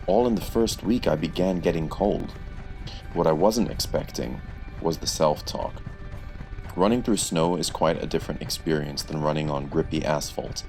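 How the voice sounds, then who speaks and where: A man telling his own story in a calm, reflective vlog voice-over. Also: low voice. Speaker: vlogger. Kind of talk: scripted voice-over narration.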